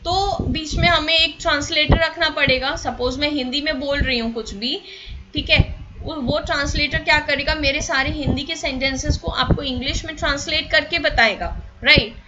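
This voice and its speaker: A woman's voice: sits high, steady tone, normal speed, dull audio, noisy background. A woman teacher giving an explanatory lecture, talking casually and asking the class rhetorical questions. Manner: conversational, frequent rhetorical questions and fillers.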